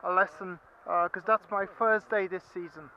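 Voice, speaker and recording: A man's voice: high-pitched, fairly even intonation, normal speed, slight background noise. A man answering casually in an interview as a ski student. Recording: dull, muffled sound.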